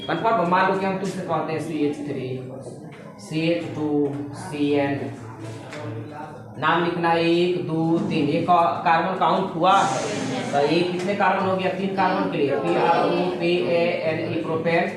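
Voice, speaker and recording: A woman with a fairly low voice teaches chemistry to a full classroom, firing quick check questions at her students and spelling out terms letter by letter. The room rings with heavy echo, and the students murmur clearly in the background. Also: steady tone, a crowd in the background. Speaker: chemistry tutor. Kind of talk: classroom lecture. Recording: very echoey classroom with students audible.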